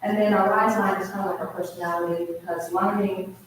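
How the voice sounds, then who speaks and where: A man's voice: high-pitched, level tone, brisk, a bit bright. A man in the audience asking a long, tentative question, thinking aloud as he goes. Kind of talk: question from the floor. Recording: echoey hall from far off, clear background noise.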